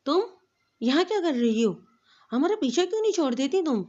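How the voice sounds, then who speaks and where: A woman voicing a cruel, scheming young wife who taunts and shouts at her rival, in a storybook reading. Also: medium pitch, lively intonation, muffled recording, close to an everyday voice. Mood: angry.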